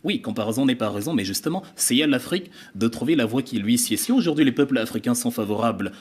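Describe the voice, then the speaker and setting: A man arguing his position as a guest on a televised panel debate, pausing now and then to search for words. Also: mid-range voice, animated, a little mellow, husky. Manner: argumentative, pauses to search for words.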